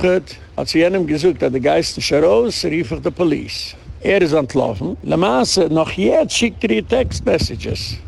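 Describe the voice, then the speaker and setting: A man, a rabbi, giving a storytelling lecture and jumping to a high voice when he quotes others. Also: creaky. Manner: animated storytelling with sudden jumps in pitch.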